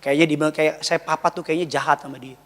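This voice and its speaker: A male pastor preaching a Sunday sermon, telling family stories in a lively way. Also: on the high side, quick pace. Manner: lively storytelling with family anecdotes. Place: large church hall, Sunday service. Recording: long church-hall reverb.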